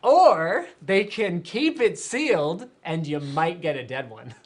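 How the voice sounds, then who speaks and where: Hosting a live tech stream, a talkative man reads out viewer questions and riffs on them. His voice is high-pitched and slow, yet he comes across as energetic, chatty, and opinionated, casually peppering his speech with fillers and restarts.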